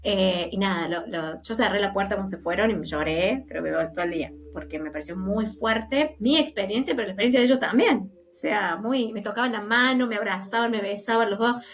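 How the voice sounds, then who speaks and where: A woman's voice: mid-range voice, a little fast, few pauses. An Argentine woman, a guest medium in a casual interview, telling stories animatedly and acting out the voices of the people she quotes, laughing now and then. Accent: Argentine Spanish.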